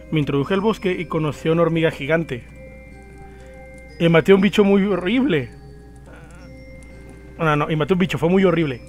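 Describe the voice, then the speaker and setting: A lost, confused ten-year-old girl, as a man reads her lines from a game with small stumbles. The voice sits fairly high for a man, with faint music underneath. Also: a little mellow, close to an everyday voice. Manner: reads lines from the screen with slips.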